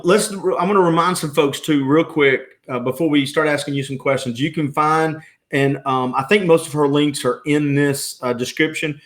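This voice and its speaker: A middle-aged man hosts a relaxed podcast interview, his voice sitting a little high for a man. He rambles and breaks off mid-thought, starting sentences over. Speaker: podcast host. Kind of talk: casual interview chat.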